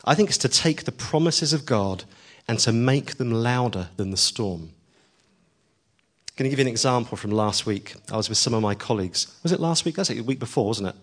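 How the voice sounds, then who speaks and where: A man's voice: medium pitch, lively intonation, a little fast. A man preaching a sermon, earnest and emphatic, pushing his voice up on key lines, with frequent ums as he tells a story.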